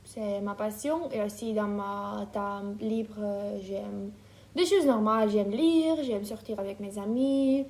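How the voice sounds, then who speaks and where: A woman in her twenties from Ukraine, speaking French, answering interview questions thoughtfully with many pauses. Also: mid-range voice, a little mellow. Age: 20s. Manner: hesitant, thoughtful, many fillers. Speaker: interview guest. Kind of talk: casual interview.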